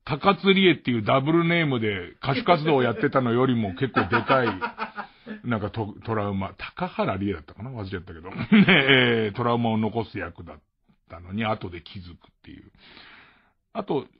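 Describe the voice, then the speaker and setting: Rambling casually and poking fun at himself, a Tokyo-accented man from Tokyo chuckles frequently while hosting a late-night radio program. He speaks in a mid-range, animated voice, fairly quickly, with a breathy edge, heard through a muffled mono radio archive.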